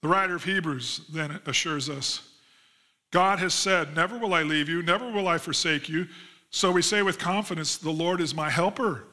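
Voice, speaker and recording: A male pastor delivering a sermon in a high, bright voice. He reads scripture aloud, then unpacks it with earnest conviction. His tone climbs when he stresses the lines he wants his listeners to remember. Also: normal speed. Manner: earnest, rising emphasis on key promises. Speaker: lead pastor.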